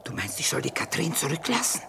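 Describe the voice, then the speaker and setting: A woman's voice: low-pitched, big pitch swings, fast talker, gravelly, noisy background, exaggerated voice. An actress playing a tough, stubborn middle-aged mother who trades from a wagon, blunt and commanding in a radio drama. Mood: restrained defiance. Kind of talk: stage-like radio drama acting.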